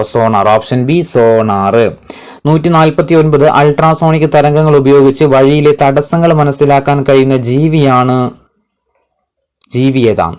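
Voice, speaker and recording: A man reads exam-prep quiz questions at a middle pitch, saying each one twice. He then gives every answer slowly and firmly, like a tutor drilling students. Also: a little mellow, clear, resonant tone.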